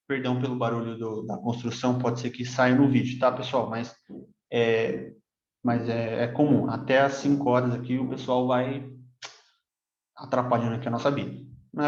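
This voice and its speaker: A man teaching English from a Bible verse, with a Brazilian Portuguese accent, explaining slowly and patiently and repeating words for pronunciation. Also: medium pitch, darkish tone. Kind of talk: bible-based English lesson. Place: room near a construction site. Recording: echoey room, dull lo-fi sound.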